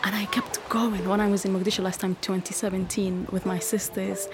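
A woman in her thirties from Somalia, telling her own story in an interview, reflective and quick in places. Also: mid-range voice, little pitch movement, over music.

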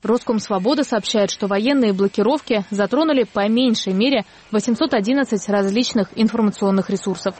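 A woman narrating a news report in an even, measured, scripted read. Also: medium pitch, slightly rough.

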